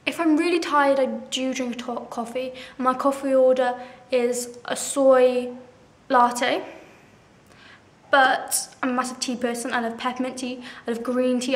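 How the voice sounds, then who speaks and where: A bubbly 17-year-old girl chats through a Q&A video as a vlogger, peppering her talk with "like" and laughing at herself. She has a high-pitched voice, recorded in an echoey room.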